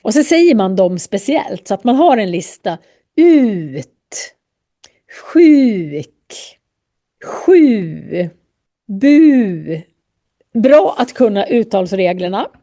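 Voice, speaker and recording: A woman teaching a language lesson, calmly explaining ways to study and repeating sounds to demonstrate them. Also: mid-range voice, hardly any pauses. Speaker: Swedish teacher.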